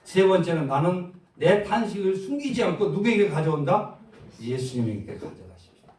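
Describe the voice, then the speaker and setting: A very animated male pastor preaches a sermon at normal speed in a large church sanctuary, in a call-and-response style where he asks the congregation questions and answers them. He shifts between loud exhortation and soft, low asides, and the recording is roomy and echoey, taken far from the mic.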